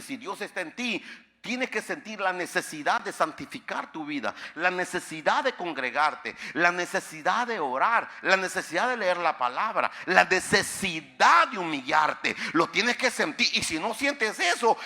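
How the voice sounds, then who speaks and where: A man preaching a sermon in a church, calling out to the congregation and swinging between hushed passages and loud, shouted peaks. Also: sits high. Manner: preaching with call-and-response to the congregation. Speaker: pastor. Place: church sanctuary.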